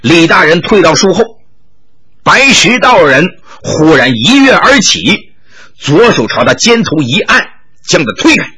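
A man telling a martial-arts novel aloud with animated, dramatic narration. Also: high voice, unhurried, husky. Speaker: storyteller.

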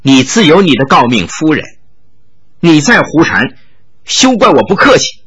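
A man's voice: fairly high pitch, sing-song, measured pace, fairly bright tone, husky, dull audio, heavily acted. A male storyteller voicing a cold, scornful middle-aged nun who snaps back curtly at her former husband. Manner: curt, contemptuous retorts.

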